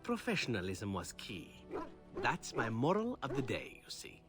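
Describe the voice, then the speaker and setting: An actor playing a suave, playful assassin in a video game, telling tales in a wry, theatrical way. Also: male voice, mid-range voice, wildly swooping pitch, normal speed, over music. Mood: amused, boastful. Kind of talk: video game dialogue acting.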